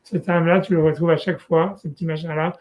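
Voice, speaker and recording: Casual and full of fillers and restarts, a man teaches Torah in a relaxed one-on-one study session. His voice is on the high side, and he keeps up a quick pace.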